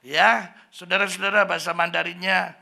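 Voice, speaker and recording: A middle-aged pastor with a Javanese accent delivers a joking, chatty sermon and keeps putting questions to his congregation. His voice sits high for a man and has a gravelly fry running through it. The tone is very bright and sharp. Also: little pitch movement, fairly quick. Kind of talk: humorous church sermon.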